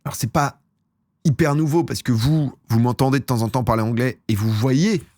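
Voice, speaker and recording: A man's voice: mid-range voice, moderate pace, darkish tone, dry recording. Slangy French man rambling on stream. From France. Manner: rambling, slangy, laughs at himself. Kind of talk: casual chat with chat viewers.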